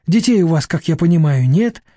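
A man's voice: on the high side, animated, fairly quick, dark tone, no room sound, clean studio sound. A man reading an audiobook, voicing a shrewd middle-aged woman who talks bluntly and sardonically. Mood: sardonic.

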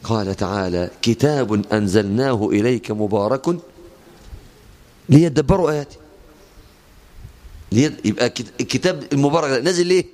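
A man with an Egyptian accent preaching a Quran study lesson, swinging from calm explanation to high, emotional pleading. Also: fairly quick, pauses often. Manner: emotional, rising to high impassioned pleas.

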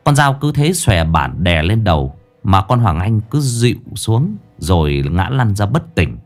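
Man, low pitch, very animated intonation, ghost-story narration. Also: measured pace. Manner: expressive, dramatic reading.

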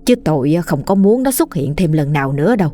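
A woman's voice: low-pitched, lively intonation, mellow. A woman voicing a frightened village wife. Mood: pleading. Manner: pleading, worried, hurried. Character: frightened older village woman, anxious mother-in-law.

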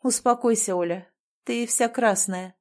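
Woman playing a cold manipulative sister, calm, condescending, audiobook. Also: on the high side, a little slow, lightly acted. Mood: icy.

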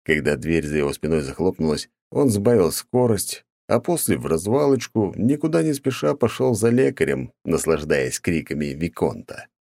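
Low-voiced man reading an audiobook. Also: very animated, normal speed, creaky, few pauses, darkish tone, no echo, studio quality. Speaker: audiobook narrator. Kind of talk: scripted first-person audiobook narration.

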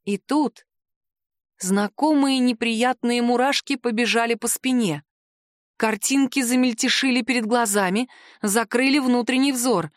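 Expressive woman narrating an audiobook. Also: fairly high pitch, measured pace, no echo, studio quality. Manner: lively, expressive reading. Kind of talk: first-person fantasy audiobook narration.

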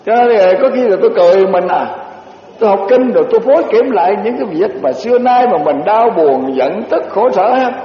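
An older man, a Buddhist monk, giving a slow dharma talk, telling stories and reciting verses. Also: lively intonation. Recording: echoey hall, dull low-fi recording with faint hiss.

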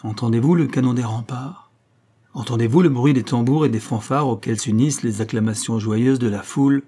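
A man's voice: medium pitch, fairly quick, dark tone, close to an everyday voice. A man reading an audiobook, voicing a proud young statesman who speaks coldly and declaims in triumph. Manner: cold, commanding, declamatory.

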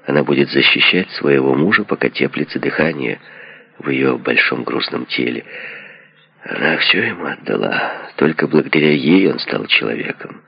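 A man narrating an audiobook in a measured, lively reading. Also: rumbling low, gravelly, slightly rough, no echo. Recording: dull lo-fi recording.

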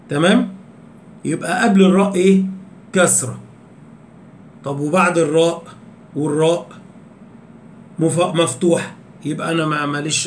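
A man with an Egyptian Arabic accent teaching Quran recitation rules in a lecture. He asks the class repeated questions and slows right down to recite examples. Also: high-pitched. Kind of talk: tajweed lecture. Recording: echoey room with faint background noise.

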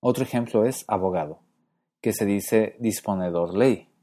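A man giving a scripted educational narration about a language, measured and explanatory, slowing down to spell out example words. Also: on the low side, dark tone. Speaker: language lecturer.

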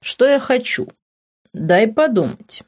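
A woman's voice: a little high, sing-song, slow pace, darkish tone, highs cut off, pitched above the performer's own voice, full character voice. A woman voicing a blunt, irritable young man in an audiobook, reading his swearing, short lines. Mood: teasing. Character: curt, hot-tempered young man.

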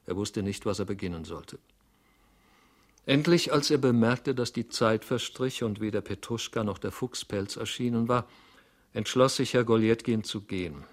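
Low-voiced man narrating a novel. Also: normal speed.

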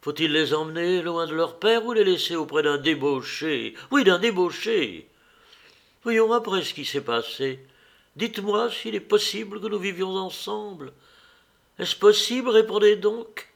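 A man reading a classic novel aloud, voicing a wounded, furious wife in sharp, bitter outbursts. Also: on the high side, animated, measured pace, pitched above the performer's own voice. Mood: bitter, angry.

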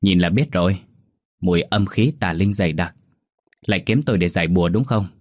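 A man's voice: sits low, fairly quick, a little mellow. A man playing a curt, aloof male shaman of about fifty, in a spoken ghost story. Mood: grave. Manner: curt, grave, dismissive.

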